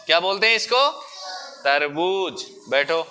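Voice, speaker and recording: Bright, high-voiced male classroom teacher. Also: a little hiss or hum. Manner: patient, coaxing, drawing words out slowly to teach. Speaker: primary school teacher. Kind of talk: classroom lesson.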